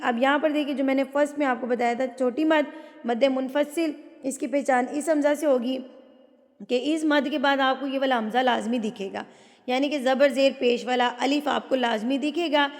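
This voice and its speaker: A woman teaching tajweed, patiently explaining each rule and reciting phrases slowly. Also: sits high, steady tone, big-room sound. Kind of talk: tajweed lesson with slow recitation.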